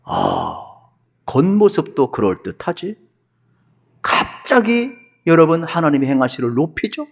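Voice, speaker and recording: Male pastor, church sermon, lively rising and falling pitch, vivid storytelling. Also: creaky. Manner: animated storytelling, acts out scenes. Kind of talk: televised sermon. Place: church sanctuary.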